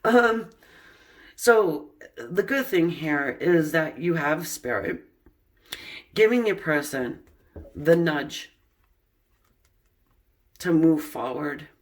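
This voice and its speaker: Lady tarot reader, talks slow, casual chatty style with lots of fillers. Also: low voice, expressive. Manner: chatty, laughs at the cards, many fillers. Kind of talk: pick-a-card tarot reading.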